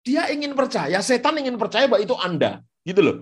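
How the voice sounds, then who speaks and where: Animated preaching man. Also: extremely high pitch, fairly quick, husky. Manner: animated preaching, repeating phrases for emphasis. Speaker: pastor. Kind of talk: sermon. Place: radio studio.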